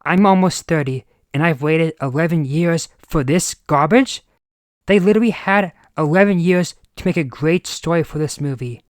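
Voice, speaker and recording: A man's voice: on the high side, moderate pace, dry recording. Twenties male reviewer, exasperated ranting delivery, dry sound. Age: 20s. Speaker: movie reviewer. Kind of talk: scripted review commentary.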